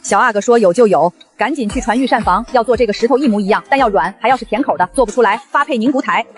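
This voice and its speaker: Woman as an imperious, brisk empress dowager. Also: a little high, close to an everyday voice. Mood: commanding. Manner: commanding, regal. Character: imperious, indulgent grandmother empress dowager of the Qing court. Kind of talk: acted comic short drama.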